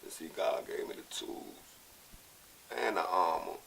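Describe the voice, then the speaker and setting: An American man giving a blunt, profane, impassioned monologue, sounding drunk and rambling, with halting repeats and a gravelly voice. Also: sits low, a bit bright. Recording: hissy, noisy amateur recording.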